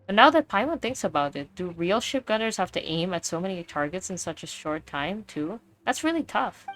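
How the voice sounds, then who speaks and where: A woman's voice: lowish voice, sing-song, fairly quick, fairly bright tone. Woman doing a chirpy little fairy companion. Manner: eager, curious and chatty. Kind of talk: reading game dialogue aloud.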